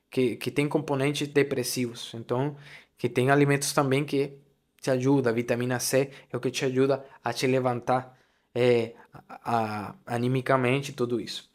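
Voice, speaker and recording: A young man hosting a podcast, sharing an emotional faith testimony and practical advice, repeating key phrases for emphasis. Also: mid-range voice. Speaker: podcast host.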